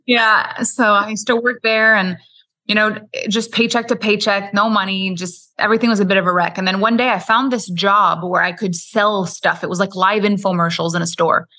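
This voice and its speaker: Her voice sits at medium pitch with fairly even intonation, a moderate pace, and a bright, forceful edge. She's a Quebec native, French as her mother tongue, candidly narrating her life story on a podcast with frequent "like" and "you know."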